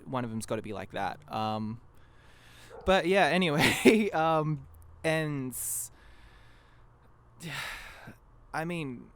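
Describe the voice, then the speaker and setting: This interview guest, maker of a fan abridged series, speaks slowly and expressively in a high-ish, fairly bright voice, pausing often. The dry recording captures casual podcast chat in which he rambles, pokes fun at himself, and breaks off mid-thought.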